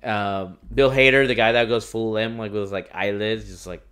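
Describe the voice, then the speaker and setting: A man's voice: on the low side, fairly even intonation, normal speed, fairly bright tone, clean tone. A young man co-hosting a casual podcast at a bar, talking in laid-back, profane banter with many restarts. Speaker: podcast co-host. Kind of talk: casual chat over beers.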